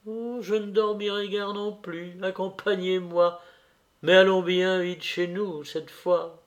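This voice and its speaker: A man reading aloud and voicing an earnest, tender young woman in a soft, pleading way. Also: sits high, flat delivery, slow pace, dull audio, pitched above the performer's own voice. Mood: gentle.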